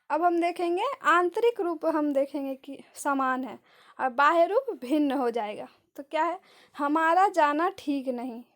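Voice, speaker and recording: A woman giving an exam-prep lecture on linguistics, asking rhetorical questions and answering them herself, with example sentences. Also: sits high. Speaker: teacher.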